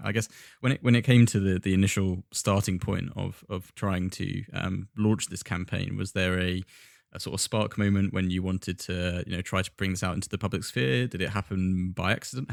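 Fast-talking deep-voiced podcast host. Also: male voice, vocal fry, no echo, clean studio sound. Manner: rambling, hedging questions full of "kind of" and "sort of". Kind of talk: podcast interview.

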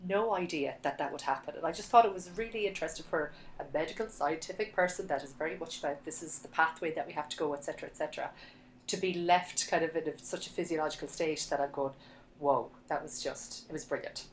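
An Irish woman tells a personal story in a casual, animated chat. Her voice sits a little low, and a faint hiss of noise runs under the recording. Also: rough recording. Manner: animated storyteller, chatty and quick. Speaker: podcast guest sharing a birth story.

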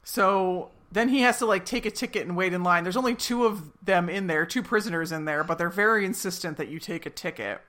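A woman with a fairly low-pitched voice chats casually as a podcast co-host. She retells a story animatedly, laughing along and peppering her speech with fillers. The delivery is loose and conversational. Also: brisk, hardly any pauses, fairly bright tone. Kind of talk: casual chat recapping a TV episode.

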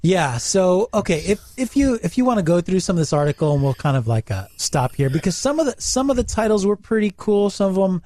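A man's voice: sits high, big pitch swings, fairly quick, hardly any pauses, darkish tone. A man co-hosting a casual gaming podcast, joking and rambling through stories.

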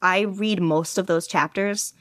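This woman, a podfic narrator appearing as an interview guest, speaks on the low side. She rambles casually and animatedly, poking fun at herself and laughing readily, captured in clean studio sound with no room noise.

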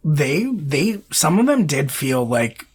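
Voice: medium pitch, sing-song, takes it slowly, husky. A podcast co-host chatting casually about films, rambling with lots of fillers and self-corrections. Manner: laughs often between phrases.

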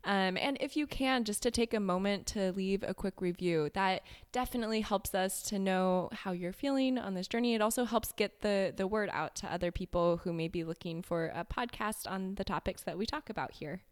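A woman co-hosting a podcast talks in a casual, halting way. She restarts and pauses often, and her voice sits at an ordinary middle pitch. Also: clear, resonant tone. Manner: halting, many restarts and fillers. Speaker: podcast co-host.

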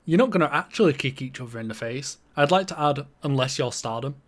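A man's voice: medium pitch, lively intonation, fast talker. A man co-hosting a podcast, casually explaining wrestling commentators and matches with plenty of fillers. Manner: explanatory, knowledgeable, filler-heavy. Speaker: podcast co-host. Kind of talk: casual chat about wrestling.

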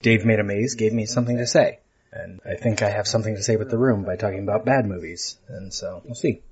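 A man's voice: fairly low pitch, fast talker, highs cut off, a crowd in the background. A man hosting a podcast in casual chat, talking over a video call and laughing easily. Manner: chatty, self-deprecating, laughs easily. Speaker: podcast host.

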